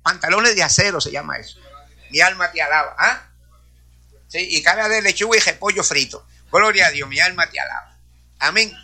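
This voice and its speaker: A man speaks to a congregation in a testimony-style sermon, sprinkling hallelujahs and praise between his sentences. His voice sits high for a man, with a sharp, very bright edge. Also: lively intonation, fairly quick. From Puerto Rico. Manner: peppers speech with hallelujahs and praise. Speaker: church speaker.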